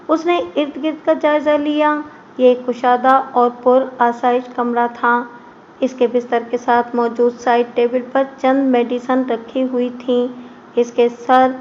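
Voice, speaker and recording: A woman narrating a crime audiobook in a steady storytelling voice. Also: high-pitched. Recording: slightly muffled recording with faint noise.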